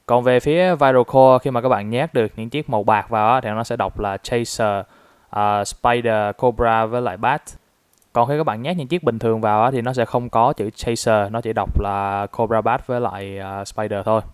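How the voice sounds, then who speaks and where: A man's voice: medium pitch, fairly even intonation, moderate pace, clear, resonant tone, no room sound. A man from Vietnam casually reviewing a toy, explaining it step by step with frequent fillers.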